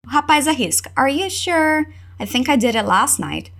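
Brazilian woman, English teacher, repeat-after-me drills, slightly high voice, animated. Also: creaky. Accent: Brazilian Portuguese. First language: Portuguese. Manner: slow, over-articulated model phrases between quick explanations.

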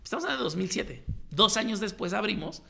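A man's voice: high voice, expressive, quick pace, creaky, sharp tone. A man in his thirties with a Mexican accent, telling his story in slangy casual chat and acting out the voices of people he quotes. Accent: Mexican Spanish.

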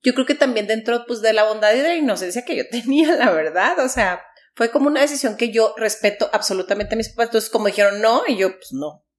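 A woman's voice: fairly high pitch, fast. Chatty woman from Mexico. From Chihuahua, Mexico. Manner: chatty, full of fillers and quoted dialogue. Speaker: interview guest. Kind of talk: casual storytelling interview.

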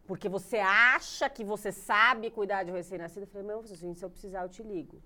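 Mulher contando história animada e rápida. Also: female voice, mid-range voice, a little fast. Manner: animated storytelling, acts out quotes. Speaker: guest mother. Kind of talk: casual chat.

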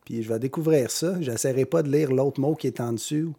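A Québécois man co-hosts a podcast in relaxed chat. His voice is warm and mellow at a middle pitch, and his remarks come out dry and teasing. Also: a little fast, slightly rough. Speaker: podcast co-host.

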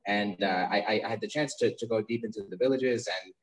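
A man's voice: fairly low pitch, brisk, low-quality recording. A young man talking as a podcast guest about his company, often repeating words and restarting his sentences while he thinks. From United States. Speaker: podcast guest, startup founder. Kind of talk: casual interview conversation. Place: remote call from abroad.

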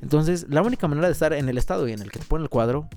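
A man's voice: fairly high pitch, animated, rapid-fire, darkish tone, soft background music. A young man with a Mexican accent in a casual chat, mixing English phrases into crude, slangy Spanish full of swearing. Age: young adult.

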